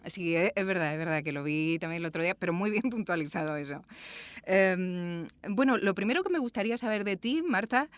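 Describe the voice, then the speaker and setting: A woman hosts a podcast interview in a small sound booth, presenting warmly and chatting effusively. Her voice is on the low side, fairly quick, with no echo.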